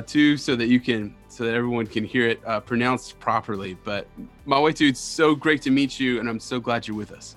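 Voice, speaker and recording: A man's voice: medium pitch, fairly bright tone. Man hosting a podcast interview. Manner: friendly, restarts phrases. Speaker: podcast host, campus and young adult missioner. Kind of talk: casual interview.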